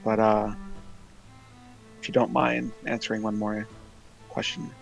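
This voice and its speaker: A man speaking in character in a tabletop game, hesitant and halting with many pauses and fillers. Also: on the low side, little pitch movement, vocal fry, soft background music, low-quality recording. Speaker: player. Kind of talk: in-character tabletop role-play.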